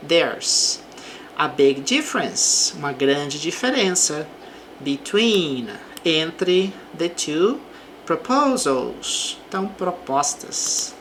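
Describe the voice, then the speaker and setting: A woman with a Brazilian accent teaching English, reading example sentences slowly and explaining them. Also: deep voice, a little hiss or hum. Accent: Brazilian Portuguese. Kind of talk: slow explanatory language lesson.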